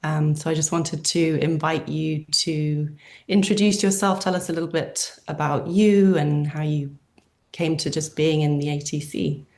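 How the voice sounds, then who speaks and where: Low gravelly woman from zambia hosting a chat, soft and hesitant, lots of ums. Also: flat delivery, measured pace. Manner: gentle, hesitant with frequent ums. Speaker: interviewer and host. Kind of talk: conversational interview.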